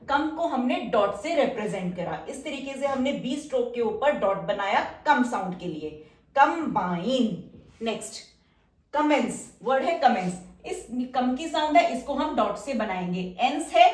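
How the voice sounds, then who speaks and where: A woman with a high voice teaches shorthand patiently, walking through each outline step by step. She repeats words slowly while she writes. Her voice comes from a little way off the mic in a roomy, echoing space. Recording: roomy echo, mic somewhat distant.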